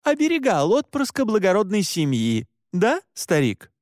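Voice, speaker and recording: A man's voice: high-pitched, wildly swooping pitch, normal speed, darkish tone, no room sound, clean studio sound, pitched above the performer's own voice. A man voicing a stern, blunt female monster hunter in an audiobook, firm and lecturing. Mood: scornful. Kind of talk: audiobook character voice.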